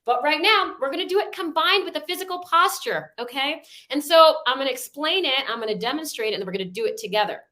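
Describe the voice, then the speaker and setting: A woman's voice: sits high, lively intonation, fast, few pauses, sharp tone. A woman leading a workshop over a video call, giving upbeat, encouraging step-by-step instructions. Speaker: workshop facilitator.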